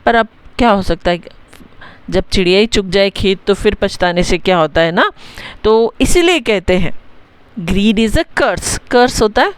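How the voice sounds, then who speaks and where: A young adult woman teacher giving a patient, chatty lesson, dictating English words slowly and spelling them out letter by letter. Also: mid-range voice, animated, clear, resonant tone, dry recording. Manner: explains in a patient, chatty way, often checking in with the class. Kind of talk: bilingual story-writing lesson.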